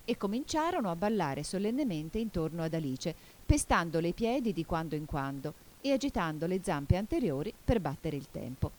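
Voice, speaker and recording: A woman narrating a storybook audiobook in a measured, expressive way. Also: on the low side, a little hiss or hum.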